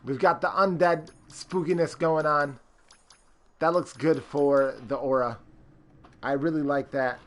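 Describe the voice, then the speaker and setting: A man's voice: fairly high pitch, fairly even intonation, unhurried. A man streaming a character-creation game, rambling with lots of fillers and greeting chat viewers. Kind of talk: casual live-stream commentary.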